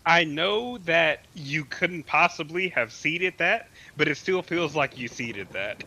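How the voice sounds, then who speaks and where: A man's voice: a little high, animated, slow, bright, forceful tone, a little hiss or hum, low-quality recording. A man playing in a tabletop game, hesitant, laughing easily. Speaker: player.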